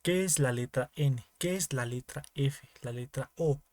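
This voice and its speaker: This young teaching assistant, who has a Bolivian Spanish accent, speaks a bit slowly in a slightly mellow, medium-pitched voice on a dry recording. Teaching online, he moves in small repeated steps and keeps checking that students follow.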